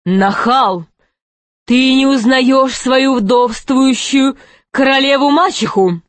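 A woman's voice: a little high, a little slow, no room sound. A woman playing a cold, haughty queen. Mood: scornful. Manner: cold, imperious. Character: haughty dowager queen, commanding.

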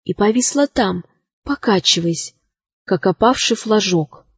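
A woman narrating a children's fairy tale in a lively, expressive way. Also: medium pitch, measured pace, breathy edge, no echo. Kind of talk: audiobook fairy-tale reading.

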